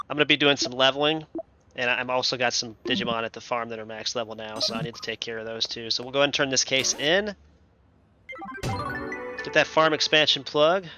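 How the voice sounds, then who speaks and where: A man's voice: mid-range voice, pushed and bright, highs cut off. A young man hosting a let's play, talking casually in a rambling, laid-back way. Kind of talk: casual gameplay commentary.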